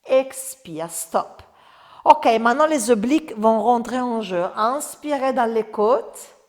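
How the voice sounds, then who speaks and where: In a large hall, a woman with an Italian accent teaches Pilates in a voice on the high side, mixing breathing instructions with jokes for her viewers. The instructor's manner is chatty and encouraging, captured through a lapel mic tucked into her clothes.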